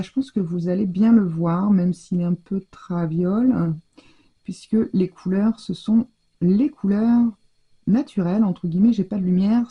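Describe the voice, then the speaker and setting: A woman's voice: mid-range voice, dark tone, slightly rough. An older woman chatting casually through a scrapbooking tutorial from her home craft room, thinking aloud as she works. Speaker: scrapbooking vlogger. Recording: dull lo-fi sound.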